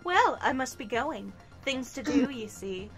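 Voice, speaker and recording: A woman's voice: sits high, expressive, a little slow, music in the background. A woman reading the lines of a smug, scheming female game villain, mocking and theatrical. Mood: condescending. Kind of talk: reading game dialogue aloud.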